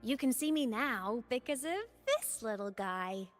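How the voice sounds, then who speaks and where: In this video game story performance, a woman plays a playful, teasing digital ghost girl who sounds breezy and casual yet determined. Her fairly high voice moves with lively intonation at an unhurried pace, carrying a wistful, breezy mood over soft background music.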